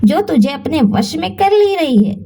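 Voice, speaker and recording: A woman's voice: big pitch swings, unhurried, mellow, distant mic, heavily acted. A woman doing a bitter, scolding old mother-in-law. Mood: accusing. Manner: shrill taunting, self-pitying complaints.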